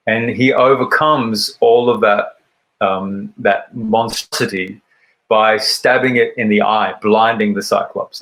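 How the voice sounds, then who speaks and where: Calm, measured man retelling an ancient myth. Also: on the low side, rough recording. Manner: measured, thoughtful storytelling with deliberate pauses; recites poetry in a raised, rhythmic voice. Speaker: poet and speaker. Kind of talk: reflective storytelling talk.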